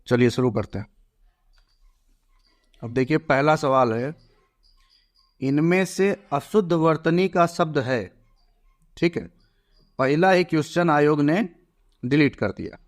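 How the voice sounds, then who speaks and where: A man teaching an exam prep lesson, slowly spelling out words one by one. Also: fairly high pitch, expressive.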